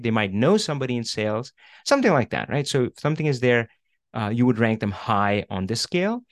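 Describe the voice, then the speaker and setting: A man's voice: mid-range voice, no room sound. Guy coaching on a video call, chatty, lots of ums and "right?", dry close sound. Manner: casual, filler-heavy, checks in often with "right?". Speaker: career coach. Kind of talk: online coaching session.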